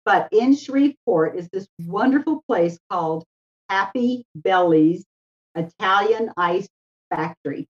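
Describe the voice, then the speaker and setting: A woman's voice: mid-range voice, lively intonation, measured pace. A woman speaking as an interview guest in a conversational, anecdotal way. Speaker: interview guest, education adviser. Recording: slightly dull, lo-fi sound.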